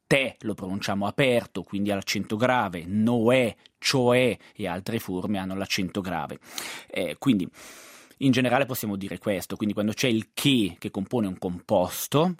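Radio language expert, male, low voice, dry studio sound, quick teacher's delivery. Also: no echo. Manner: didactic, lists examples, quick bursts. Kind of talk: explaining grammar on radio.

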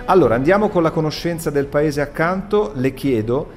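A man's voice: on the high side, animated, brisk, darkish tone, faint music behind. A man hosting a radio quiz in speech, chatty, teasing and encouraging with his guests. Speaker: radio quiz show host. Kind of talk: playful live quiz interview.

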